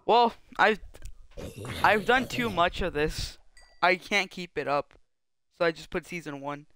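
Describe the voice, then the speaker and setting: Unhurried and expressive, this young streamer's high-pitched voice sounds a bit bright, clear and resonant. He chats casually with his viewers about the block-building game he's playing, rambling and often restarting what he says.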